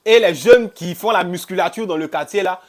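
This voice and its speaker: A man tells a personal story in a lively, conversational way. He repeats phrases, acts out what others said, and speaks in a fairly high voice. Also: fairly quick. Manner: animated, repeats phrases, quotes others in dialogue. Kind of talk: casual first-person storytelling.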